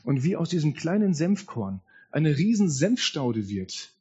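A man's voice: fairly high pitch, sing-song, unhurried, darkish tone, slightly rough. A man preaching a sermon at a church service, speaking earnestly and straight to the congregation. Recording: dull lo-fi sound.

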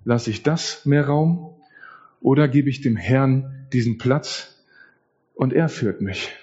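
A man's voice: mid-range voice, slow, a little mellow, breathy edge, muffled recording. A man preaching a sermon, telling a story in an earnest way straight to the congregation.

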